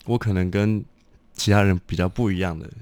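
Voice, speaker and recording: A man's voice: sits low, steady tone, brisk, a little mellow, no room sound. A young man, a guest singer-songwriter chatting casually in loose, filler-filled sentences. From Taiwan. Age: young adult. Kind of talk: casual chat.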